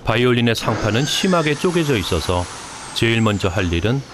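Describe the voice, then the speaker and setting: A man giving calm, explanatory scripted documentary narration as a voice-over. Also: medium pitch, fairly quick, noisy background. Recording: voice-over with loud music behind.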